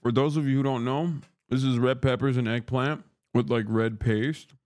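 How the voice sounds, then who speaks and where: On a livestream, a thirties-aged Turkish man talks with food in his mouth, cracking brash, profane jokes as he eats. His mid-range voice is darkish, with fairly even intonation at normal speed, captured by a studio mic on a boom arm close to his face in a small wood-paneled room indoors.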